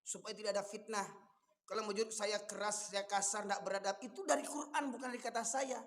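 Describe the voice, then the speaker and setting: Laki-laki berlogat Minangkabau, khotbah keras dan tegas, suara bergema di ruangan besar. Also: male voice, high-pitched. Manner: fiery, sharply rising to loud emphatic peaks. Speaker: Islamic preacher. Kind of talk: sermon. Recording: long echoey hall reverb.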